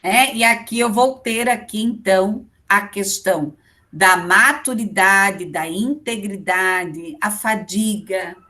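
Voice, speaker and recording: A woman's voice: mid-range voice, takes it slowly, bright, forceful tone. Brazilian woman lecturing conversationally. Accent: Brazilian Portuguese. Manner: conversational, with frequent check-in tags to the class. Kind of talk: online lecture.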